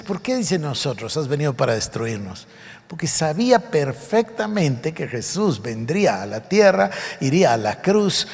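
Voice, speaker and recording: Man preaching in a big hall, voice swings up and down, long echo. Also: on the high side. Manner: emphatic preaching, reading scripture aloud and explaining it. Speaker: pastor. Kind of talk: sermon.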